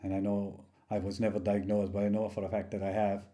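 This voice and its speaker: A man in his sixties with a rural County Limerick Irish accent, telling anecdotes in a halting, rambling, casual way. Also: on the low side, little pitch movement, warm tone. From County Limerick, Ireland. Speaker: interview guest, local storyteller. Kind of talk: oral history reminiscence, casual storytelling.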